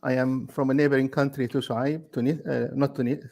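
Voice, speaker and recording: Gravelly man from Libya, halting. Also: medium pitch, flat delivery, a little mellow. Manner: halting, many fillers. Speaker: guest expert. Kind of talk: casual online panel chat.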